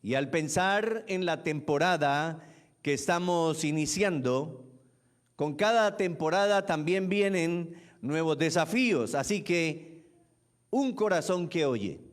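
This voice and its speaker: A man's voice: a little high, slow. A man preaching a sermon as pastor, repeating key phrases and putting questions to the congregation.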